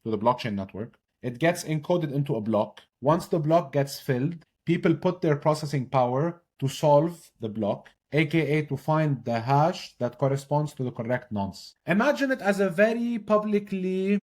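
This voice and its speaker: A man's voice: on the high side, normal speed, few pauses. Lebanese-born man explaining things energetically. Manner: energetic, explains with repeated "right?" check-ins. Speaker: podcast guest, blockchain consultant. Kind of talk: casual explanatory interview talk.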